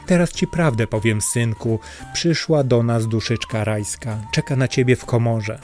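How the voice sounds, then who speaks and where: A man voicing the old mother of the sun in a fairy tale, a gentle, fussing old woman. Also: mid-range voice, normal speed, faint music behind, close to an everyday voice. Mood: caring.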